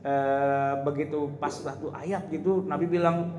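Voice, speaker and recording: A man delivers a loose, humorous religious talk, often laughing and addressing his listeners directly. His voice sits slightly high. It rings through a large, reverberant hall over constant background noise. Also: steady tone, measured pace. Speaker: Islamic preacher. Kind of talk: informal religious lecture. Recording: echoey hall with loud ambient noise.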